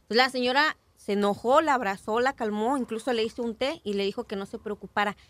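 A woman's voice: a little high, fast, fairly bright tone, dry recording. A woman telling a story in a casual chat, mixing English words into her Spanish.

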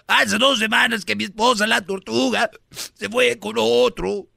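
Un cómico de chistes malos, alegre y exclamativo, puesto por un hombre. Voz aguda, rasposa y muy brillante, que arrastra las frases sin prisa. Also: male voice, high voice, fairly even intonation, unhurried, sharp tone, dry recording, clean studio sound, heavily acted. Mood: corny. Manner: drawling, exclaiming, laughing at own jokes. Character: corny joke-telling comedian, man, cheerful.

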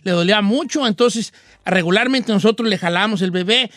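A man voicing a folksy, teasing older host with a Mexican accent and a high, thin old-man voice, joking with callers on a radio show. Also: a little fast, a bit bright, dry recording. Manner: teasing and playful, often breaking into laughter. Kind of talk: comic radio call-in banter.

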